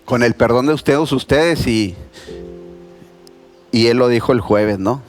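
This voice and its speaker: Pastor preaching over soft music. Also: male voice, medium pitch, measured pace. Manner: conversational, animated storytelling with voiced quotes. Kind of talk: sermon. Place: church.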